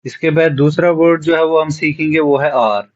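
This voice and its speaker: The recording cuts off the highs as a shorthand teacher, steady in tone and moderate in pace with a voice on the high side, runs a beginners' classroom lesson. Word by word, he spells things out letter by letter and patiently says them again.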